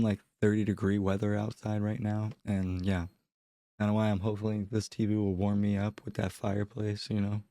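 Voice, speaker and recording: A man's voice: fairly low pitch, dark tone, no room sound. Congested nasal man in a game walkthrough. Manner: casual, unsure, hedging asides. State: congested from a cold. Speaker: gaming channel host. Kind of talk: casual game walkthrough voice-over.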